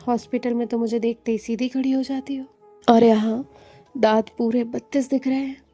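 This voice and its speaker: A woman's voice: a little high, little pitch movement, moderate pace, mellow, soft background music, natural voice. A woman reading the part of a playful young man imitating a bossy professor in a storybook, mock-stern and teasing.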